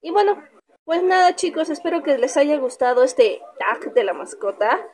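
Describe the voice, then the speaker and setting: A woman's voice: sits high, very animated, normal speed, a little mellow. A young woman with a Mexican Spanish accent, casually chatting in a pet vlog and cooing at her dog. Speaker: vlogger.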